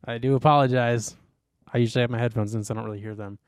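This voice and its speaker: A man's voice: mid-range voice, very fast, clear, resonant tone, no room sound, clean studio sound. A young man co-hosting a podcast in casual chat, rambling with lots of fillers and swearing. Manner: rambling and animated, many fillers and curse words. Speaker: podcast co-host.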